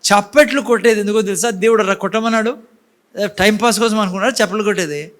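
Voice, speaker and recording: A man with a high voice gives a lively sermon in a church. He keeps asking the congregation questions and drops words into his preaching. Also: fast. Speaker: pastor.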